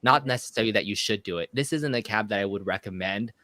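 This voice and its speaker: A man's voice: on the low side, fast, sharp tone, no echo. A man hosting a casual podcast chat, talking like a hobbyist reviewer. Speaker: show host and arcade cabinet reviewer.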